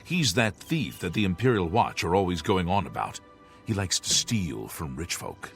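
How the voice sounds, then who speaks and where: A man's voice: deep voice, big pitch swings, normal speed, creaky, soft background music, exaggerated voice. A man voicing a friendly, gossipy townsman in a video game.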